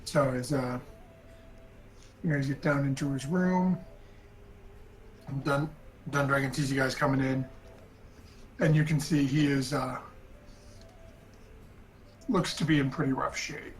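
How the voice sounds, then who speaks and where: A man running a tabletop game as game master, narrating in a halting way with many fillers and restarts. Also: medium pitch, steady tone, a little hiss or hum, poor audio.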